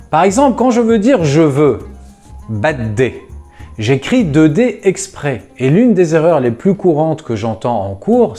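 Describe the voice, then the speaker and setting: A man teaching a language lesson to viewers, explaining patiently and slowing down to spell out words, with a lively, enthusiastic delivery. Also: on the high side. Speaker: Lebanese Arabic teacher.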